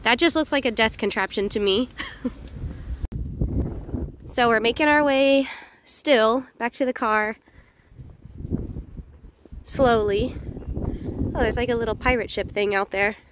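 A woman vlogging casually while walking outdoors through an old town, chatty and slightly hoarse, with lots of fillers. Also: a little high, measured pace, long pauses, noisy background. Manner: chatty, laughs often, hesitant fillers. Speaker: travel vlogger.

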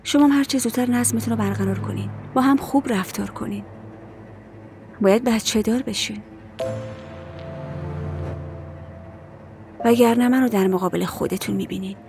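A woman's voice: a little high, close to an everyday voice. Woman dubbing a domineering middle-aged mother. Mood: commanding. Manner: commanding, probing. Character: stern mother, domineering and suspicious. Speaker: dubbing actor. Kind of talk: dubbed TV drama dialogue.

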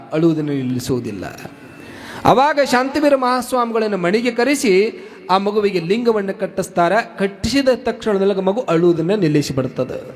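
A man preaching in a storytelling manner with a North Karnataka Kannada accent. His voice sits very high for a man. He repeats key phrases and turns to the audience with rhetorical questions. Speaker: religious preacher. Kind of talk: devotional storytelling sermon.

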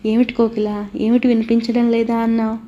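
An anxious, earnest uncle figure who keeps pressing for the truth, read by a woman narrator. The pitch barely moves, and the tone is mellow and darkish, like a storybook read aloud. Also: flat delivery, a little fast, dull audio, a little hiss or hum, lightly acted. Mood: bewildered. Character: anxious older male guardian, uncle figure.

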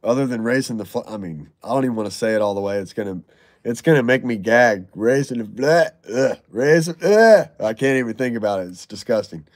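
A live stream host with a lowish voice and quick pace reads chat from his garage, replying to viewers with loose, joking, profane banter. The audio is studio quality, with no echo.

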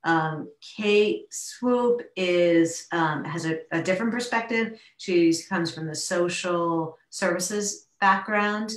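Woman, board chair, low voice, halting with fillers, echoey room. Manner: halting, with many fillers and restarts. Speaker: board chair leading a town meeting. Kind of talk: public meeting discussion.

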